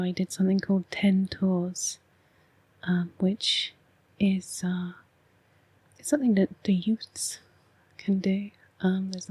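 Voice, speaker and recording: A woman with an English accent, speaking in a hushed, half-whispered voice as she hosts a soft-spoken, rambling ASMR card reading. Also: on the low side, slightly rough, no room sound. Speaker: oracle card reader and ASMR host.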